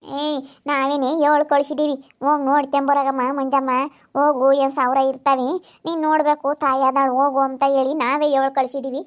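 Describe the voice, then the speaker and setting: A woman's voice: sits high, flat delivery, fairly quick, dull audio. A woman acting in a village family drama, talking in a soothing yet firm, scolding way.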